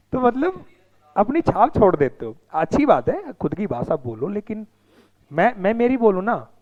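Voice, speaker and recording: A man's voice: high-pitched, phone-quality sound. A man teaching a class, mixing the lesson with teasing and scolding of his students. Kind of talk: classroom lecture with banter.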